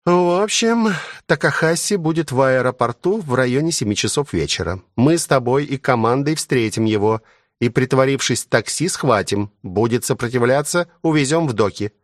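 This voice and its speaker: A man voicing a brisk, businesslike young woman in an audiobook. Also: mid-range voice, lively intonation, dry recording, studio quality, voice pushed up, close to an everyday voice.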